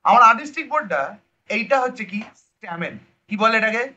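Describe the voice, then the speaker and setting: High-voiced man teaching biology. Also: expressive, quick pace, pushed and bright. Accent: Bengali. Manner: quizzing students and answering his own questions; mixes English terms into casual speech. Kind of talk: online class lecture. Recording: dull lo-fi recording.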